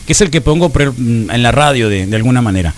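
A man's voice: medium pitch, lively intonation, fast. A middle-aged man hosting a casual morning talk show, joking and teasing his co-hosts. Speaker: host. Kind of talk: casual chat.

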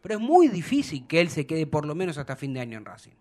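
A man's voice: fairly high pitch, sing-song, fast, mellow. A man with an Argentine Spanish accent hosting a football talk show, arguing his points emphatically and acting out quotes. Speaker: radio sports show host.

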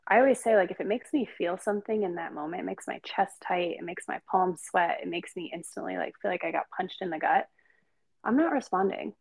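A woman's voice: on the low side, fairly quick, vocal fry, darkish tone, slightly rough, dry recording. A woman co-hosting a podcast about hair styling, speaking casually and encouragingly about handling clients. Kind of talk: casual chat.

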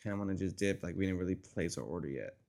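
A young man co-hosting a casual podcast chat, telling stories in a relaxed way and imitating people's voices in his anecdotes. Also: deep voice, fast talker, creaky. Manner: laid-back storyteller, mimics voices in anecdotes. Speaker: podcast co-host.

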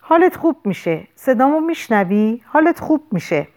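A woman's voice: mid-range voice, lively intonation, darkish tone, natural voice. A woman voicing a young woman who panics and pleads desperately over a wounded man, in an audiobook. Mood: pleading.

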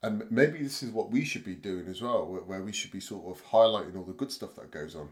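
Male podcast host, low voice, casual, hesitant and rambling. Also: quick pace. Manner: rambling, hesitant with many fillers and restarts. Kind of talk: casual chat.

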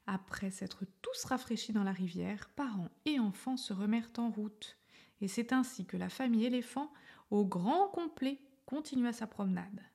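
A woman reading a children's story aloud in a soft, gentle way, often half-whispered. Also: a little high, expressive, moderate pace, gravelly, slightly rough.

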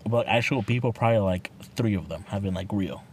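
A man in his twenties in casual podcast chat, slangy and excitable, repeating words and stumbling as he goes. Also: fairly low pitch, brisk. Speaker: podcast co-host. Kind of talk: casual chat between friends, with swearing. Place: inside a car. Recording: noisy, recorded inside a car.

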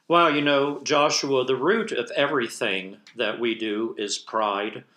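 Bright-voiced host. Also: male voice, medium pitch, fairly even intonation, a little slow. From United States. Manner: leading questions, gently prompting. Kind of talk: faith interview.

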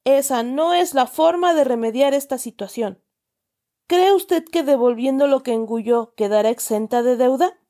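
A woman voicing a stern, pompous middle-aged uncle who loudly lectures children with exaggerated indignation. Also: sits high, moderate pace. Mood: scolding. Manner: loud, scolding, exaggerated indignation.

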